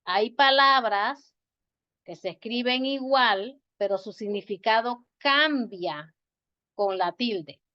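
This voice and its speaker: A woman teacher giving an online grammar lesson, speaking slowly and patiently and repeating words to stress their syllables. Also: fairly high pitch. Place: home or office on a video call. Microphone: video call. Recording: dull, lo-fi video call audio.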